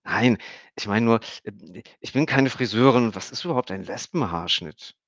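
A flustered, polite young man from a storybook who stumbles and corrects others, as a male narrator puts him on. His voice sits a little higher than the narrator's own. The sound is dry and slightly dull. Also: animated, moderate pace, fairly bright tone, dry recording. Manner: hesitant, correcting.

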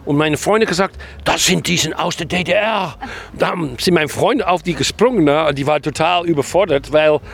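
Outdoors at a festival, a Dutch longtime regular tells a story in a relaxed interview, often finishing sentences with a tag question. He speaks a little fast in a fairly high voice with vocal fry and a noticeable Dutch accent.

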